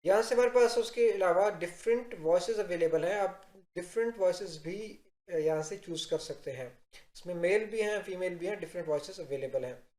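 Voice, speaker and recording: A man giving a software tutorial, explaining step by step and addressing viewers directly in an instructional narration. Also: sits high, moderate pace. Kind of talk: instructional screen-recording narration. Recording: roomy, echoing voice-over.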